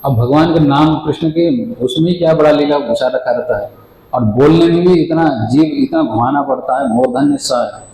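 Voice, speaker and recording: A man's voice: mid-range voice, warm tone. Patient man giving a devotional sermon. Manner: patient, explanatory, asks and answers own questions; chants the divine name slowly and drawn out. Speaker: spiritual teacher. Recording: echoey room with faint ambient noise.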